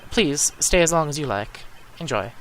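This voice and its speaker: A man's voice: on the high side, expressive, normal speed, a bit bright, slight background noise. A man doing a stiff, overly polite bellboy. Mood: courteous. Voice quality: stiff, formal, ends lines with "sir". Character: overly polite male hotel bellboy, formal and fussy. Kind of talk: reading game dialogue aloud in a let's play.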